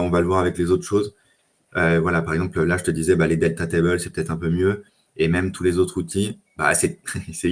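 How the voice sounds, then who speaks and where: Man, very low voice, easygoing tech podcast guest, lots of "euh". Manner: relaxed, many fillers and restarts. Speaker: data engineer guest. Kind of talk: casual tech chat.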